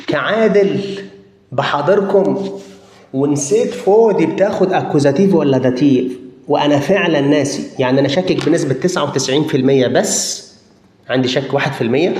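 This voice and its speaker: A man's voice: fairly high pitch, darkish tone, slight background noise. A man with an Egyptian Arabic accent teaching a German grammar lesson. He explains step by step, checks in with listeners often, and drags out words and repeats them while he thinks. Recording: roomy echo.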